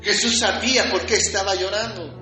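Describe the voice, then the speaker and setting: Fervent high-voiced preacher in echoey room. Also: male voice, fairly even intonation, normal speed, pushed and bright. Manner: fervent, repetitive preaching with quoted dialogue. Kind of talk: sermon. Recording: very echoey room with faint music.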